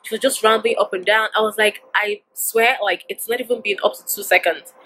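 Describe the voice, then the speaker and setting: A young woman vlogger retelling a stressful robbery story in an emotional, animated way, with many asides. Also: medium pitch, fairly quick, a little hiss or hum, low-quality recording. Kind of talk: storytime vlog.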